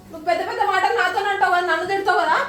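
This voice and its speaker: A woman scolds indignantly, her voice very high and her words pouring out fast. She sounds a bit distant from the microphone. The delivery suits a comedy sketch about family quarrels. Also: over music.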